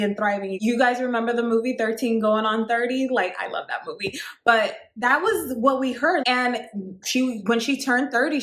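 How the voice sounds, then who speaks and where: Speaking directly to the camera, this thirtysomething woman coaches women on dating, her delivery chatty and forceful and peppered with fillers such as repeated "like" and "actually." Her pitch runs on the high side, and the room is echoey.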